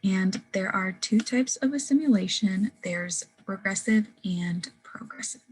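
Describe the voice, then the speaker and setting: A woman's voice: medium pitch, a little slow, rough recording. A young woman giving a class presentation on phonetics, earnest and full of "um" fillers. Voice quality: very husky. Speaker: student presenter.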